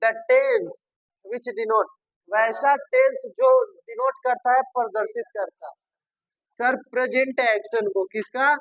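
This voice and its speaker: A man's voice: very high voice, animated, takes it slowly, a bit bright, no room sound, lo-fi sound. A male teacher giving a grammar lesson, repeating terms and asking and answering his own questions. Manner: repetitive, addresses students as babu and sir, asks and answers himself.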